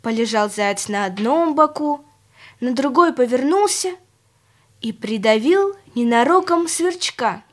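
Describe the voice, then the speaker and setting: A woman narrating a children's fairy tale in a gentle, expressive storytelling manner. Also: high-pitched, a little slow.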